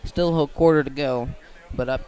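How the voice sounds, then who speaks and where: A man with an American accent calls a football game live for radio from outdoors at the field. His play-by-play stays fairly flat in pitch, and he halts a little, repeating and correcting himself. The recording is low quality.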